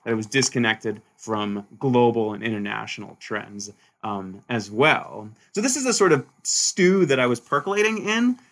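A bright, forward-sounding male voice from Sweden, talking through his academic path as an interview guest. He speaks in lively bursts, restarts his sentences often, and checks in with a "right?" at the end of his points. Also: mid-range voice, moderate pace. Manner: animated, frequent restarts and "right?" tags. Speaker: historian, author guest. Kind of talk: conversational interview answers.

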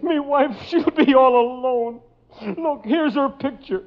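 A slangy racetrack mobster for a 1940s radio comedy. The voice is high for a man and theatrical. The broadcast sound is dull and dated. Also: takes it slowly. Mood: pleading. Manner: slangy tough-guy talk with "me" for "my". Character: blustering male racetrack mob boss who turns pleading. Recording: muffled old radio broadcast.

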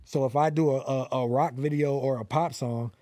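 Brief: mid-twenties male rapper from LA, warm mellow tone, dry close mic, slangy and earnest. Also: mid-range voice, fairly even intonation, moderate pace, dry recording. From Los Angeles. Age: 20s. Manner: slangy, repeats fillers, earnest. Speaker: rapper guest. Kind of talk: casual interview.

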